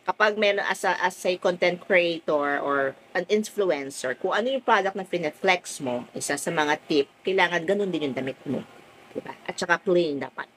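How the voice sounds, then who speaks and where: A middle-aged woman from the Philippines chats on a phone live stream from her home, talking up a product. Her voice is full and carries, sitting a little low, and she keeps tossing in little asides to her viewers. Faint household noise sits under her talk. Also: moderate pace, rough recording. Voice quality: full, loud voice. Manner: chatty, lively, fond of "o, di ba?". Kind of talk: casual live-stream selling chat.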